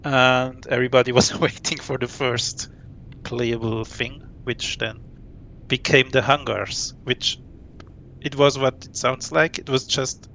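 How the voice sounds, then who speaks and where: Swiss man, late thirties, relaxed guest, gravelly voice, faint rumble behind; thoughtful, laughs between points. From Switzerland. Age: late 30s. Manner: relaxed, thoughtful, laughs often, pauses to recall. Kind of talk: casual interview.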